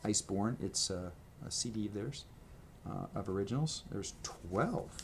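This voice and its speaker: In a home room with gray walls and a red accent wall, a man sits at a table showing off his merch to the camera's microphone. His lowish voice is expressive, with vocal fry and a moderate pace, and the talk is a chatty, meandering show-and-tell full of ums, you-knows and restarts. Faint room ambience and a little hiss or hum run underneath.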